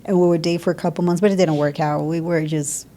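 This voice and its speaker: A woman's voice: low voice, fairly even intonation, fast, dark tone. A woman from Cuba with a Cuban Spanish accent, Spanish being her first language, talking as a podcast guest in frank, opinionated casual chat with easy laughs.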